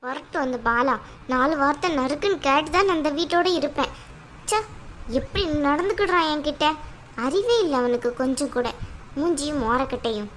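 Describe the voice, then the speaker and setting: A woman voicing an upset, sharp-tongued young wife in a cartoon. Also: high voice, animated, a little fast, slight background noise. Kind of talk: cartoon voice acting.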